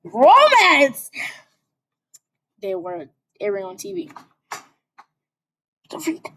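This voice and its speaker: A woman's voice: medium pitch, sing-song, slow, a little mellow. A young woman casually reading fan fiction aloud, breaking off for chatty, giggly asides. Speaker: fanfic reader.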